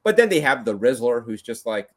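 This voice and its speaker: With big pitch swings and a fairly quick pace, a man's mid-range voice hosts a casual podcast chat. He speaks loosely, full of fillers and restarts.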